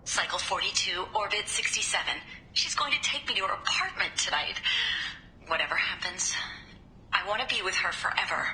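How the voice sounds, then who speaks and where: A woman's voice: mid-range voice, lively intonation, normal speed. A woman playing an infatuated, insecure young artist confiding her diary dreamily in a game. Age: young adult. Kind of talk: game voice acting, recorded diary monologue. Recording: echoey, bright holo-recording with faint noise.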